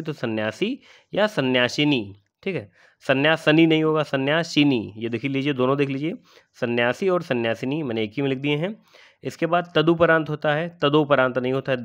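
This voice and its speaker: Man teaching Hindi spelling. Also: mid-range voice. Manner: explains patiently, repeats words and asks rhetorical questions. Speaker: exam prep teacher. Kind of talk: spelling lesson for exam aspirants.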